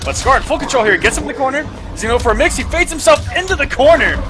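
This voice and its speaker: A man's voice: very high voice, animated, racing. A man commentating live on a fighting game tournament as an esports caster. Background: music and game audio.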